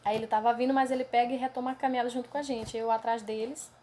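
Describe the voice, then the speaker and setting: Woman preacher, earnest testimony style, somewhat high voice, soft hiss under it. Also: steady tone, very fast. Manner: earnest and emotional, addresses listeners as brothers; tags many phrases with a questioning aside. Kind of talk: testimony of a dream vision.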